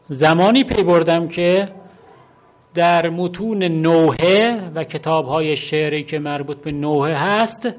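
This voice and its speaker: A man giving an unhurried, explanatory talk on word origins, often pausing to repeat and spell out words. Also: on the high side. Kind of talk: explanatory monologue. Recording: dull lo-fi recording.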